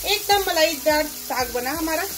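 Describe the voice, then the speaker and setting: High-voiced woman chatting while cooking. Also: expressive, measured pace, noisy background. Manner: chatty, homely, explains as she cooks. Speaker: cooking vlogger. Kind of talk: casual cooking demonstration. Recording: music playing behind.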